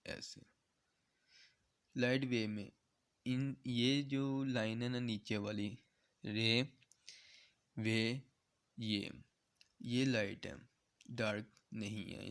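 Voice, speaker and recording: A man from Pakistan teaching a step-by-step lesson. He talks patiently and checks in with "okay" after nearly every point. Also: on the low side. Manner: patient, repeats "theek hai" to check understanding; encouraging, earnest in closing advice. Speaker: shorthand teacher.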